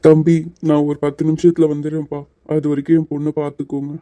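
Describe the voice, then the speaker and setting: A woman voicing a worried, gentle middle-aged father soothing his daughter in a cartoon series. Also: deep voice, level tone, fast, no room sound, natural voice. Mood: grateful.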